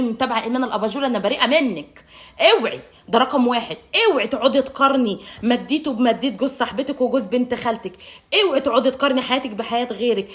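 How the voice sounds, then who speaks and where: A woman with an Egyptian accent giving marriage advice straight to camera, brisk and emphatic, scolding while calling the viewer darling. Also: fairly high pitch. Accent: Egyptian Arabic. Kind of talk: direct-to-camera advice monologue.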